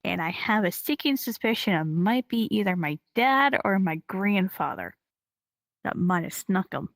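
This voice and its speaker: A woman's voice: mid-range voice, animated, normal speed, dry recording. Rambling woman chatting in a dry recording. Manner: rambling, full of fillers and restarts. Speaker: roleplay streamer. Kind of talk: casual chat during roleplay game.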